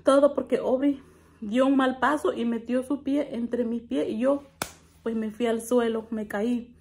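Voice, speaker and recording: Brief: woman, 30s, higher voice, animated vlog storytelling at home to a phone camera. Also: a little slow, gravelly. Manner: animated, laughs often while telling a story. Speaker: family vlogger. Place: small room at home, indoors.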